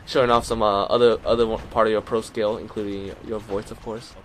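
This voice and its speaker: A man casually commentating a video game match, getting excited when the action heats up. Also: fairly low pitch, normal speed. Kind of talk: casual esports play-by-play.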